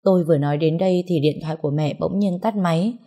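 A woman narrating a first-person story in a calm, measured way. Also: on the low side.

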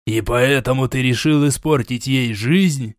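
A man's voice: mid-range voice, measured pace, dry recording, studio quality, close to an everyday voice. A man voicing a stern older prince who scolds, sighs and turns suspicious. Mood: scolding. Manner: scolding, sighing, sarcastic.

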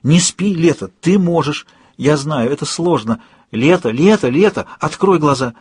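Man voicing a gentle coaxing young woman. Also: a little high, animated, moderate pace, slightly rough, no room sound, studio quality, pitched above the performer's own voice. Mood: urging. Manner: soft, coaxing, encouraging. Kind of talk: audiobook reading.

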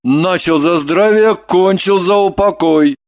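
A man's voice: high-pitched, slow. A man voicing a troubled young male killer who bitterly confesses, in an audiobook reading.

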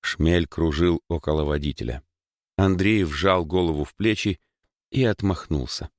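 A man with a very low voice reads a story aloud, even and measured. He sits close to the mic in a dry booth with no echo. The effect is a steady audiobook narration.

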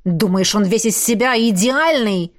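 A woman's voice: medium pitch, normal speed, natural voice. A woman reading the part of a jealous, hot-tempered young male shapeshifter who growls and sneers. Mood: sneering.

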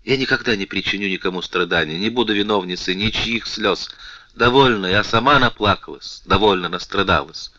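Male reader doing grieving meek young woman, tearful, imploring, lowish bright voice, dry muffled recording. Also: fairly quick, no echo. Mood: resigned. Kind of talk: audiobook character reading.

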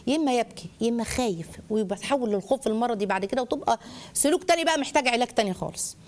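Woman, Egyptian accent, parenting lecture, high voice, animated, addresses the audience directly. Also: rapid-fire. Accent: Egyptian Arabic. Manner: animated, addresses listeners directly and acts out examples.

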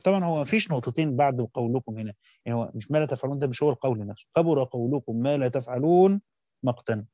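An Egyptian man gives a quick-paced lesson, reading passages aloud and then explaining them in everyday speech. His voice is mellow and dark, recorded close and dry with no room sound. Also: medium pitch, expressive, no echo. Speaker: teacher. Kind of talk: reading and explaining a classical text.

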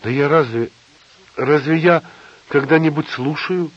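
Storybook figure: timid, eager-to-please husband, read by a man. Soft, pleading, a little husky. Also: on the high side, lively intonation, measured pace, voice pushed up, exaggerated voice. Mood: anxious. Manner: coaxing and soft-spoken. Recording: slightly dull lo-fi audio.

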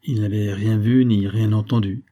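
A man narrating a classic novel in a measured, steady literary reading. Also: fairly low pitch. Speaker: audiobook narrator.

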